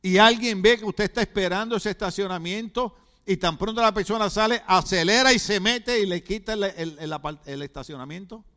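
This middle-aged pastor from Puerto Rico preaches with a high, bright, forceful voice at a fairly quick pace. Speaking with a Puerto Rican Spanish accent, he challenges the congregation with rhetorical questions and lightens things with humorous asides.

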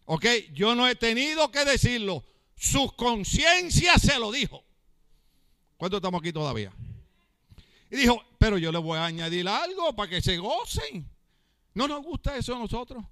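High-voiced preaching pastor, shouting. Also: male voice, very animated, moderate pace, no room sound. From Latin America. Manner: shouts and drags out words for emphasis, asks the congregation questions, jokes. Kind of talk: lively Pentecostal-style sermon. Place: church.

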